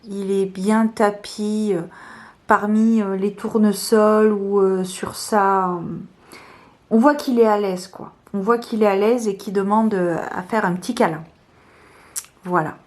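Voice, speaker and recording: Slow, hesitant woman. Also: medium pitch, steady tone. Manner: hesitant, many fillers and restarts; slow, soft-spoken. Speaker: tarot vlogger. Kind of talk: casual show-and-tell of tarot cards.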